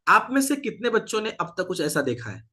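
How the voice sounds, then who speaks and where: Teaching a physics class, a man often pauses to put questions to his students, switching among Hindi, English and Marathi. His voice sits high, with a sing-song lilt, a sharp tone and a slightly fast pace.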